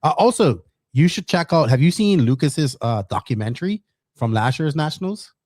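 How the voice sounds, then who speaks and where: A man co-hosting a casual podcast, excitable, swearing and whooping with enthusiasm. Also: on the high side, moderate pace, dry recording, clean studio sound. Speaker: podcast co-host.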